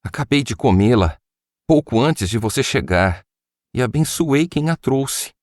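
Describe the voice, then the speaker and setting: A man reading the words of Isaac, an old father, in a solemn, measured voice. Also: mid-range voice, expressive, dry recording, studio quality, voice pushed up, natural voice.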